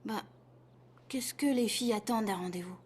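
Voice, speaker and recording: A woman playing a cheeky young boy, a scheming little brother, in a French-dubbed film with loud music over the dialogue. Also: medium pitch, normal speed, slightly rough, close to an everyday voice. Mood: earnest.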